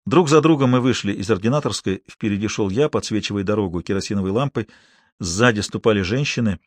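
A man narrating an audiobook in the first person, calm, measured and understated. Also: on the low side, no echo.

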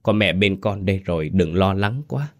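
A man voicing an older mother-in-law who consoles softly. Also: sits low, moderate pace. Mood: soothing. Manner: soft, consoling.

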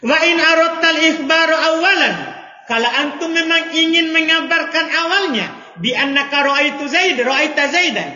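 High-voiced man teaching grammar. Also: moderate pace, bright, forceful tone. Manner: questioning students, playful examples. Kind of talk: classroom lesson. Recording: echoey hall, dull audio.

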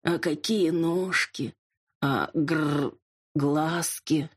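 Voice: medium pitch, fairly even intonation, slightly rough, pitched above the performer's own voice. A narrator voicing a haughty dragon lord. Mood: tipsy longing. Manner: drawn-out and pleading when drunk, curt when sober. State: drunk and drowsy. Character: arrogant male dragon lord, a gruff millionaire.

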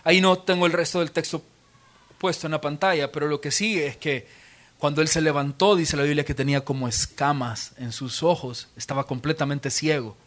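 Male pastor, high voice, dramatic scripture-telling sermon, church auditorium. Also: fairly quick, fairly bright tone. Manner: dramatic, vividly retelling scripture. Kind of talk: expository sermon.

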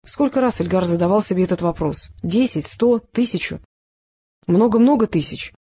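An audiobook narrator reading a crime story in a steady, measured way. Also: medium pitch, husky, no room sound. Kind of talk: scripted narration.

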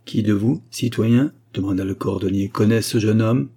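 A man voicing a hostile shoemaker in a storybook, probing with accusing questions. The voice stays dark and husky. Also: lowish voice, moderate pace.

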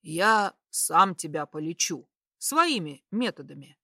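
A woman voicing a smug, teasing bearded man who poses as a doctor, speaking in a slow, lowered drawl in a romance audiobook. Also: big pitch swings, pushed and bright, dry recording, clean studio sound, heavily acted.

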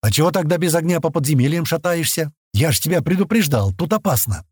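A cocky young mountain lad, sure of himself and quick to tease his friends, as a male audiobook reader puts him on. The voice sits higher than the reader's own and swings widely in pitch. It is dry, with a husky edge. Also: animated, a little mellow, no room sound. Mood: brash. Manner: brash, confident, teasing. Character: bold cheerful young mountain heir.

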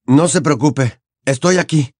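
A man's voice: a little high, a little slow, dry recording, clean studio sound, pitched above the performer's own voice. A male audiobook reader voicing an anxious teenage boy wizard who talks in a tense, urgent way. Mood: urgent, coaxing. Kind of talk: audiobook character voice.

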